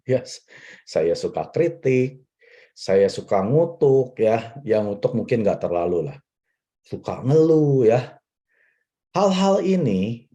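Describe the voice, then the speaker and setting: Lively man giving a motivational talk. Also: medium pitch. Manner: lively, repetitive, addresses listeners directly. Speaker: network marketing leader.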